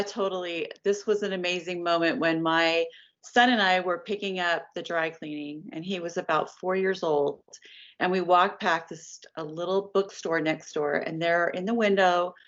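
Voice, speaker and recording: A woman in her fifties telling the story of her career as a guest in an interview, lively and chatty. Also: on the low side, moderate pace. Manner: animated storyteller, acts out quoted voices. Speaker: licensed artist, guest. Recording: dull lo-fi sound.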